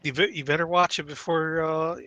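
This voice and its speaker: A man's voice: fairly high pitch, fairly even intonation, a little fast, sharp tone, muffled recording. A man co-hosting a podcast, telling stories in a casual, self-deprecating way. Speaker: podcast co-host. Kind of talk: casual chat.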